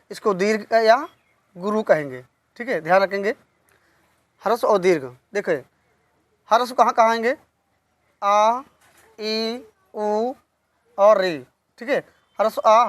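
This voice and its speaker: A woman of middle pitch teaches poetics, speaking straight into a dry, close microphone. She repeats each key term slowly and poses questions to her students that she answers herself. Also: no room sound. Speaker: Hindi literature teacher. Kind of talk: online exam-prep lesson.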